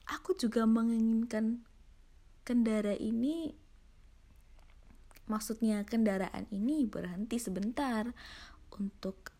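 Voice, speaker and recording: A woman who hosts a horror story show, reading aloud as a narrator. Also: medium pitch. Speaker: host and reader of an online horror story show.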